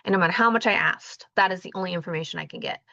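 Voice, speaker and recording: Woman, interview guest, animated storyteller, bright voice, dry lo-fi sound. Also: fairly low pitch, racing, creaky, no echo. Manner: animated, acts out dialogue in her stories. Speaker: guest, intuitive energy healer.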